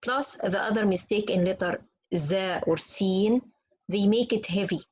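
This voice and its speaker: A woman's voice: mid-range voice, measured pace, darkish tone, slightly rough, rough recording. A woman whose first language is Arabic, teaching Quran pronunciation in an online lesson and demonstrating letter sounds patiently.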